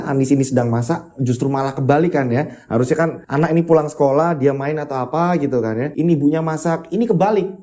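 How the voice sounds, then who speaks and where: A man hosting and narrating a dramatic true story, with an animated telling punctuated with spoken sound effects. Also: fairly high pitch. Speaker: storyteller host.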